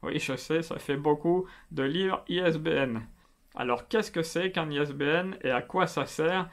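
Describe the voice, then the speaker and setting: A man with a slightly high voice hosts a casual explainer on self-publishing. He talks in a chatty, familiar way, tutoring the viewer directly. His speech is full of little fillers. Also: a little slow. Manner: chatty, familiar, many fillers like euh and bah. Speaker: self-publishing video host.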